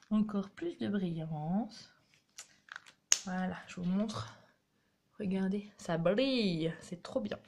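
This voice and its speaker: Slow, chatty woman demonstrating crafts. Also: mid-range voice, mellow, a little hiss or hum. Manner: chatty, encouraging, talks while working. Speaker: craft tutorial host. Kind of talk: casual step-by-step craft demonstration.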